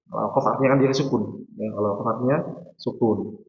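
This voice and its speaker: A man's voice: medium pitch, steady tone, fast talker, slight background noise. A man with a Javanese Indonesian accent teaching Quran recitation in a mosque class, explaining patiently, demonstrating sounds and quizzing his students. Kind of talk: religious class lecture. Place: mosque hall. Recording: echoey, dull mosque hall recording.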